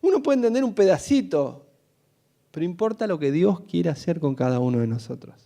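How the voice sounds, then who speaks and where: Argentine pastor preaching with lively energy. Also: male voice, high voice, fairly quick, creaky. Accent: Rioplatense Spanish. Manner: animated, storytelling, calls congregation to repeat. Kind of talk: sermon.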